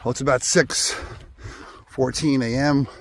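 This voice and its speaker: A male thru-hiker recording a casual vlog while climbing a mountain trail. He's out of breath, and his voice sits in a middle pitch. Faint outdoor noise runs behind him. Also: steady tone, unhurried. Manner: climbing uphill while talking.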